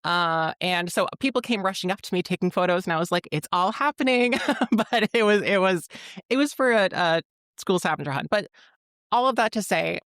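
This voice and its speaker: Young woman from rhode island on a podcast, candid and laughy, smooth clear voice, dry close mic. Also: lowish voice, moderate pace, dry recording. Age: 20s. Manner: candid, laughs often, animated storytelling. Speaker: guest, founder of a platform. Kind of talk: podcast interview.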